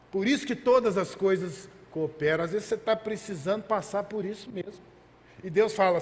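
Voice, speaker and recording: A male pastor preaching a sermon, telling a personal story earnestly and asking the congregation rhetorical questions. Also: high-pitched. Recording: long hall reverb.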